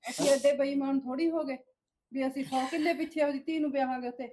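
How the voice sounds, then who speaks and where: A woman's voice: high-pitched, fairly even intonation, quick pace, noisy background, close to an everyday voice. An actress with a Punjabi accent playing a village wife who coaxes and soothes an upset woman. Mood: coaxing. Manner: coaxing, soothing. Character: soothing village wife, middle-aged, coaxing. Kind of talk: village web series drama.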